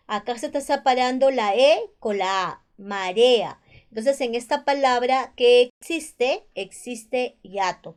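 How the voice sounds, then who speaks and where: A woman's voice: fairly high pitch, smooth. A woman teacher with a Peruvian Spanish accent, patiently explaining spelling rules and repeating each one. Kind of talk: spelling lesson explained over slides.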